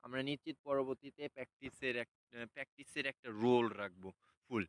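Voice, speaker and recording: A man talks through a lesson at an easy pace in a mid-pitched voice. He hesitates often, fills gaps with small sounds, and repeats single sounds slowly for the listener to copy. The recording is dry and close, with no room sound. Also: clear, resonant tone, dry recording, low-quality recording. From Bangladesh. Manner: unhurried, hesitant with many fillers, repeats sounds slowly for practice. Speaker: language teacher. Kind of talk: casual spoken lesson.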